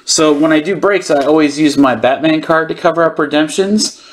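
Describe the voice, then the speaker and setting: A man's voice: on the high side, moderate pace, rough recording. Man casually chatting through a card unboxing. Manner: informal, thinking aloud. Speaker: host of a sports card channel.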